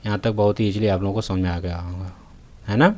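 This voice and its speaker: A man's voice: sits low, steady tone, fast talker. Man walking students through math steps. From North India. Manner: repeats "theek hai" and "hai na", checks in with students. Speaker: math teacher. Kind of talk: tutorial lesson. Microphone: voice-over recorded while writing on a tablet.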